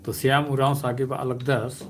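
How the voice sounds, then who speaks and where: A man hosting a live stream, answering viewers' questions in a slow, hesitant way with many filler sounds. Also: mid-range voice, flat delivery, slight background noise.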